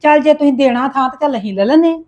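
A high, fast-talking aunt played by a woman in a family drama. She coaxes and defends herself, piling words together. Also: animated, a little mellow. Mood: pleading. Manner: coaxing, defensive. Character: pushy but placating aunt from the village. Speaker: visiting sister-in-law Rano. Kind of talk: home-made family drama acting.

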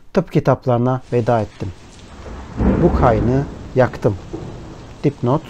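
A man narrates an audiobook in a measured, somber voice of ordinary pitch. Steady rain and rolling thunder sit clearly beneath his reading. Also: background noise. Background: rain and thunderstorm ambience.

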